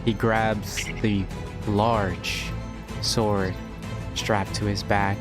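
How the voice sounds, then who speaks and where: A man's voice: fairly low pitch, flat delivery, drawn-out words, music in the background. A man narrating a tabletop game as game master, setting out scenes and choices for the players.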